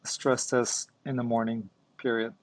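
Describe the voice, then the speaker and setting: A man's voice: mid-range voice, little pitch movement, measured pace, no echo, low-quality recording. A man, a doctor, doing medical dictation in clipped phrases, speaking punctuation and commands aloud. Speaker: doctor and founder demonstrating dictation.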